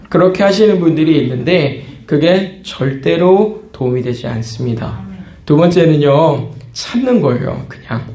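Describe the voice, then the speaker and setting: A man's voice: a little high, mellow, roomy sound. A man preaching a sermon as pastor, talking conversationally and acting out small scenes. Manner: conversational preaching, acts out quoted outbursts.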